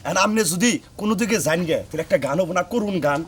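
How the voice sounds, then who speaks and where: A man's voice: sits high, lively intonation, racing, fairly bright tone, husky, exaggerated voice. A man playing a boastful village folk singer in a rustic comedy, talking in a folksy drawl. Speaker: wandering folk singer teaching songs.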